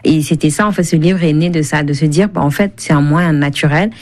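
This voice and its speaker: Speaking fairly quickly in a low, darkish voice, a Senegalese woman explains things in conversation as a radio interview guest. She's a cookbook author and food blogger who reworks her phrasing as she talks.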